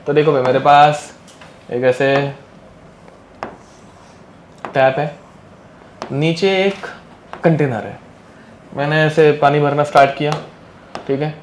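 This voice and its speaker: This time the chemistry teacher's voice is on the high side, with a little hiss or hum in the audio. He delivers a relaxed live lecture in an echoey room with faint ambience, sprinkling in English terms and regularly checking on his students' understanding.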